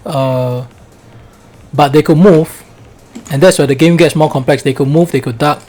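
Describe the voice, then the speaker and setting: A man's voice: on the high side, normal speed, darkish tone. A man with a Singlish accent, coaching a fighting game in a casual, colloquial way and often checking with "right?".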